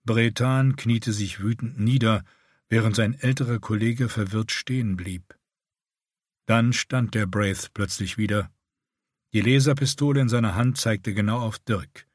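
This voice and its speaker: A man reading a fantasy story aloud in steady, measured narration. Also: lowish voice, no room sound, clean studio sound. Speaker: audiobook narrator. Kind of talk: scripted narration.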